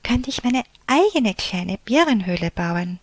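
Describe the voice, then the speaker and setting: A woman voicing a small, eager young bear cub in a storybook, with high, bright, childlike calls. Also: sing-song, unhurried, no echo. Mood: eager pleading.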